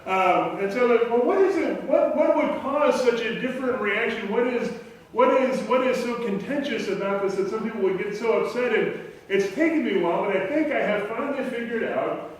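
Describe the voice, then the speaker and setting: A man's voice: extremely high pitch, expressive, brisk. A male pastor giving a conversational, story-driven sermon. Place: church sanctuary. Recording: echoey church room from far off.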